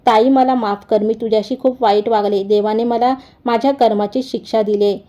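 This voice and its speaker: A woman's voice: a little high, fairly even intonation, normal speed, mellow, muffled recording, natural voice. A woman doing a humbled young sister. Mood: tearful. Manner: tearful pleading.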